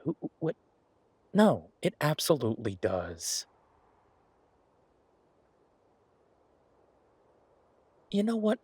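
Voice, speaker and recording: In a romance audio roleplay, a man voices a loving, eager chef boyfriend, husky and teasing yet earnest as he rambles to justify himself, playfully stubborn throughout. His pitch sits in the middle and is slightly mellow, and the recording is dry.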